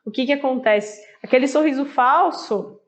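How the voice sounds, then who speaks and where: A woman's voice: sits high, normal speed. A woman with a Brazilian Portuguese accent explaining a book in a casual, conversational way, talking straight to the viewer. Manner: conversational, addresses viewer directly with fillers. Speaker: book presenter.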